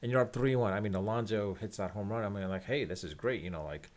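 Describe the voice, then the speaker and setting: A man with a fairly low voice talks to his viewers as a disappointed sports fan. His rant is unscripted and rambling, with halting starts and repeated phrases, and it sounds resigned. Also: a little mellow.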